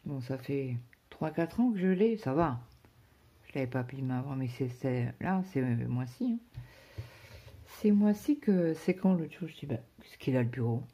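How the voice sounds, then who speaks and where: Chatty husky woman rambling. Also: a bass voice, animated, moderate pace, warm tone. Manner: rambling, chatty, many fillers and restarts. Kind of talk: casual personal chat to viewers.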